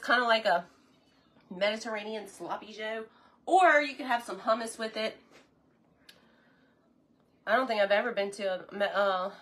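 A woman with a bright, forward voice hosts a live cooking stream. She chats casually and enthusiastically between bites, sometimes with her mouth full. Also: medium pitch. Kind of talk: casual live-stream chat while tasting food.

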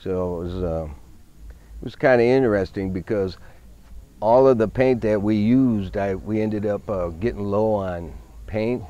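Low easygoing middle-aged man outdoors. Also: unhurried, mellow, lo-fi sound. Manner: easygoing, many fillers, technical car talk. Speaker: van owner. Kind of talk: casual interview. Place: outdoor grassy show field.

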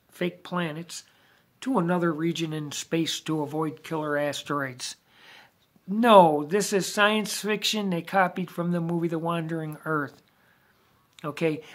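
Emphatic preaching man, fairly high voice. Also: fairly bright tone. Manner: emphatic, preachy, slows for stress. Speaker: video monologuist. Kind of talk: preaching conspiracy monologue.

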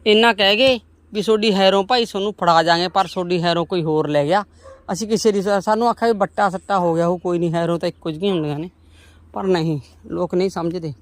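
A woman's voice: mid-range voice, fast talker, dry recording. A woman, chatting homely to viewers as she walks outdoors through her farm's vegetable plots. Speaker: vlogger. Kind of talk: casual farm vlog talking to viewers.

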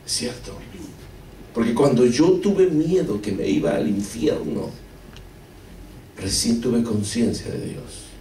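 An Argentine preacher with a mid-range, warm voice tells his emotional testimony in a sermon, speaking slowly with big pitch swings and frequent pauses. In his Argentine Spanish accent he often calls listeners "brother" and throws rhetorical questions at the audience. The room is echoey, the mic distant, with a little hiss or hum.

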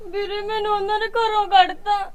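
A woman's voice: extremely high pitch, level tone, brisk. A woman playing a meek young married daughter who is crying. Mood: tearful. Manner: meek, plaintive.

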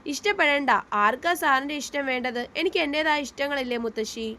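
Storybook reading: a pouting, indignant young woman about to marry, read by a woman, slightly high. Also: fairly quick, pushed and bright. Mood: sulky. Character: sulky, defiant young bride-to-be.

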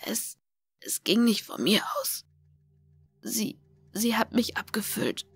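A terrified, remorseful captive man, as a woman reads him speaks in a choked, breathy plea. The delivery stays flat and level, with little rise and fall. Soft music lingers underneath. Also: mid-range voice, moderate pace, lightly acted. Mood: pleading.

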